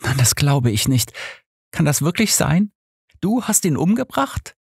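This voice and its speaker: A man's voice: fairly low pitch, moderate pace, a little mellow, no echo, studio quality, close to an everyday voice. A man voicing an earnest young male pastor who justifies himself in an audiobook. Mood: shocked. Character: young male pastor, bitter, defensive confessor.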